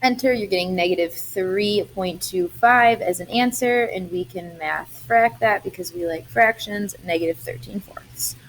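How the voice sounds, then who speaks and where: A woman's voice: medium pitch, normal speed, hardly any pauses. Young woman math teacher talking thru algebra steps, casual and chatty, bit of faint hiss. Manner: chatty, explains step by step. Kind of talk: recorded algebra lesson.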